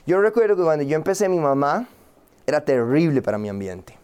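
A young Costa Rican man, a guest speaker and entrepreneur, delivers a motivational seminar talk to a live audience in a Costa Rican accent, posing rhetorical questions and acting out quoted voices. His voice sits on the high side, sing-song and slightly quick, with a clear, resonant, somewhat mellow tone.

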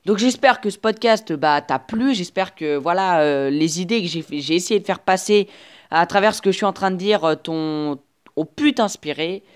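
A woman's voice: fairly low pitch, clean tone. A woman hosting a casual solo podcast, talking straight to the listener in a chatty, encouraging way with many restarts and fillers, recorded on an earphone mic. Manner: halting, with frequent restarts and filler sounds. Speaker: podcast host. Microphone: earphone headset mic.

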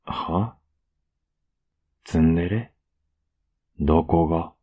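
A man playing a tender, teasing, clingy younger boyfriend in an ASMR role-play, murmuring softly and intimately. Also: sits low, very slow, husky, exaggerated voice. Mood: pouty, affectionate. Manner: soft, intimate, coaxing murmur.

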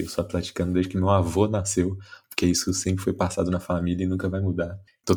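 A man's voice: low-pitched, a little mellow, breathy edge. A Brazilian man chatting casually as a podcast guest. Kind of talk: casual chat.

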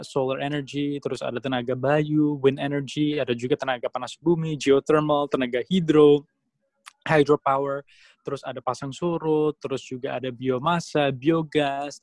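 There's no room sound on this medium-pitched male voice. He's a young adult from Indonesia, a guest in a casual interview, giving long explanations peppered with fillers and restarts.

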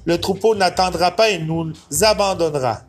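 A man's voice: high-pitched, moderate pace, voice pushed up, lightly acted. A man doing a worried old brachiosaur lady. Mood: pleading. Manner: pleading, whining.

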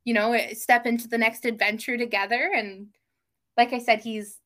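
Bright young woman, enthusiastic guest. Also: fairly high pitch, steady tone, moderate pace. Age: young adult. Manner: enthusiastic, many ums and restarts. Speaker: podcast guest. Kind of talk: casual podcast chat.

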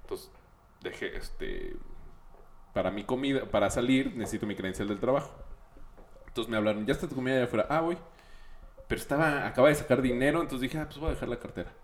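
A man's voice: mid-range voice, fast, pauses often, a little hiss or hum. A Mexican man telling friends, with slang, how his wallet was stolen. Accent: Mexican Spanish. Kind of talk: casual chat among friends.

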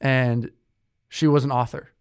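A man's voice: mid-range voice, level tone, measured pace, clear, resonant tone, no room sound. Chatty young man, dry close sound. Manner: chatty, with many fillers and self-corrections. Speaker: podcast co-host. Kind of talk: casual conversational chat.

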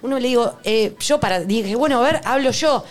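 A middle-aged woman with a Rioplatense Spanish accent, guest co-host in a casual comedic chat, telling stories and acting out quoted lines in high voices. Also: brisk, soft background music.

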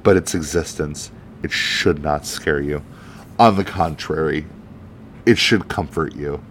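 A man reading out the earnest, measured public speech of a heroic male alien superhero. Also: very deep voice, fairly bright tone, a little hiss or hum, pitched below the performer's own voice, heavily acted. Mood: solemn. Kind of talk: reading a comic speech aloud.

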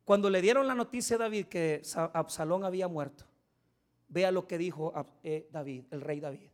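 A middle-aged man preaching a sermon as pastor, swinging from soft speech to loud shouts. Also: high-pitched, moderate pace.

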